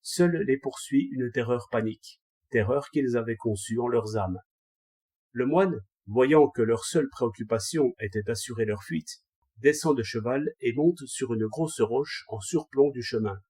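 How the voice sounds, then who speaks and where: A man narrating a classic tale in a measured, deliberate reading style. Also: medium pitch, a little mellow, slightly rough. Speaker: audiobook narrator. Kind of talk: scripted narration of a classic text.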